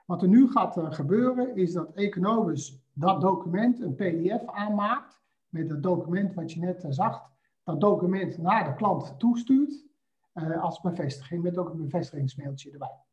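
Man, high-ish voice, walking viewers through software on screen; halting delivery, lots of "uh"s; slightly dull lo-fi audio. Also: expressive. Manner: hesitant, frequent filler sounds. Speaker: presenter demonstrating software. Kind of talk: screen-share software walkthrough.

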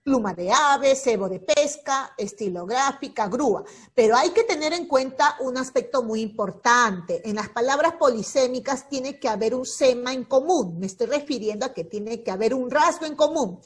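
A slightly high-voiced woman teaching a class over a video call. She explains patiently and goes over the main points slowly. She keeps checking that her students are following along. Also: lively intonation. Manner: checks in constantly with "¿ya?". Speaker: secondary school teacher.

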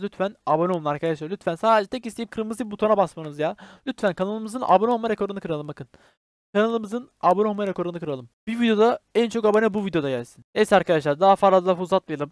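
A man's voice: high voice, no room sound, studio quality. A young man commentating his own shooter gameplay, swearing and joking with teammates and pleading with viewers to subscribe. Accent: Turkish. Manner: excitable, swearing, jokey banter with teammates. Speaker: gaming YouTuber.

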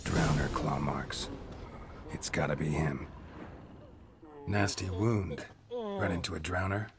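A man's voice: big pitch swings, very noisy, exaggerated voice. An actor playing a stoic, middle-aged male monster hunter in a video game, speaking tersely and dryly. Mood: focused. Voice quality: deep gravelly. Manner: terse, dry, unhurried. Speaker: witcher protagonist.

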